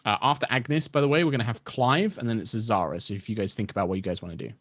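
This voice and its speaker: A man's voice: fairly low pitch, very fast, a bit bright, no room sound, clean studio sound. A man narrating a tabletop fantasy game as game master in a descriptive, conversational way.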